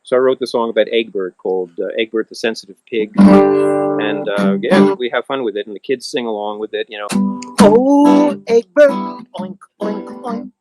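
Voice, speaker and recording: A man, a musician being interviewed outdoors on his small farm, telling stories and acting out other people's voices in high squeals. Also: fairly even intonation, fairly quick, over loud music, rough recording. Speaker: musician guest. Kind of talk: casual storytelling interview.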